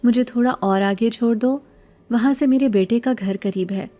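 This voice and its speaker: A woman's voice: fairly high pitch, warm tone, voice pushed up, close to an everyday voice. A woman voicing a middle-aged beggar woman in a horror story, pleading and sweet-sounding, later harsh and scolding.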